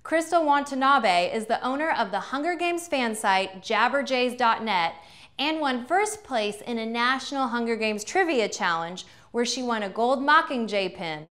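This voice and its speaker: A woman's voice: a little high, animated, moderate pace, a bit bright. Upbeat woman game show host. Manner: upbeat, enthusiastic.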